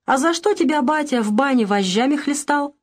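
A woman voicing an older peasant mother who scolds her daughter in shrill, tearful reproaches, in an audiobook. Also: expressive, a little fast. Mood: furious. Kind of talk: audiobook character voice.

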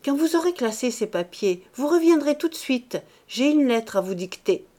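A woman's voice: sits high, expressive, moderate pace, mellow, pitched above the performer's own voice. A woman voicing a timid, fretful old male bishop who talks in a plaintive, raised voice with anxious outbursts. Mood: amiable, uneasy.

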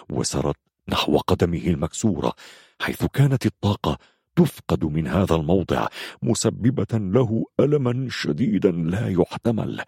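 Deep-voiced male storyteller, animated and expressive, dry booth sound. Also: gravelly, breathy edge, no room sound. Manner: expressive, dramatic reading. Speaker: narrator. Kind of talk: storybook narration.

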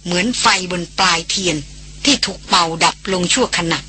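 A woman reading a novel aloud as an audiobook narrator in steady scripted narration. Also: on the low side, moderate pace, a little hiss or hum.

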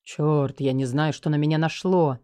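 A woman voicing an angry, controlling young husband in an audiobook, dropping her voice low and turning from brusque to pleading. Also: fairly even intonation, normal speed, mellow, smooth, natural voice. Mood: flustered apologetic. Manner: lowered voice, brusque then pleading.

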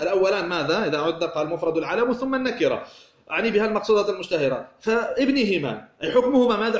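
A man's voice: high voice, echoey room. A man teaching an Arabic grammar lesson, who explains step by step, poses questions to himself and answers them, and often restarts his sentences.

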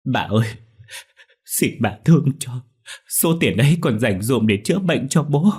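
A man's voice: medium pitch, animated, moderate pace, darkish tone, slightly rough, voice pushed up. A man voicing a poor young woman tearfully begging for mercy in a storybook tale. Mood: pleading. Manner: pleading, tearful.

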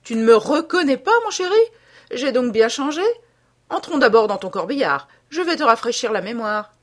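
A woman's voice: mid-range voice, animated, moderate pace, slightly rough. A woman reading aloud, voicing a sinister, corpse-like male blackmailer who taunts with mocking familiarity. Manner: sneering, overly familiar, taunting.

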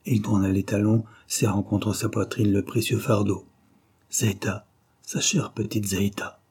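A man narrating a novel as an audiobook, in a measured, dramatic storytelling manner. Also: lowish voice, flat delivery, darkish tone, breathy edge.

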